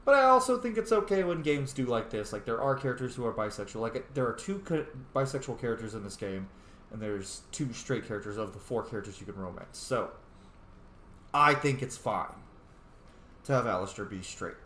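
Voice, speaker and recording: Here a man streams a video game, roleplaying and tossing out playful, opinionated, casual remarks full of swearing. His voice sits at medium pitch, a bit bright, with lively intonation and a fairly quick delivery. Background noise is clear, and the room echoes.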